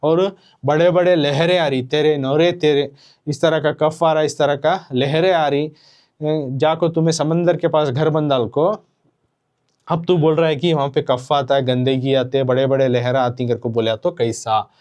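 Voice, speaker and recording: A man's voice: a little high, steady tone, darkish tone. Man teaching with patient repetition. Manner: explains slowly, repeats phrases, mixes in English. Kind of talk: classroom poem explanation.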